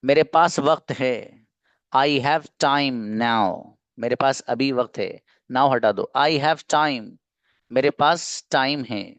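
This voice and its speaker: A man teaching English grammar in an online class, patiently explaining and slowly repeating example sentences, using Urdu-flavored Hindi. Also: medium pitch, fairly bright tone, no room sound.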